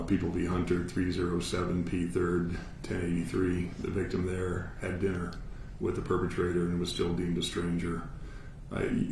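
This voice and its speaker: A man with an American accent speaking as a judge, giving a formal sentencing statement in a measured, matter-of-fact, authoritative way. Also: low voice, creaky, darkish tone. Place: courtroom. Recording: echoey room, distant mic, faint noise.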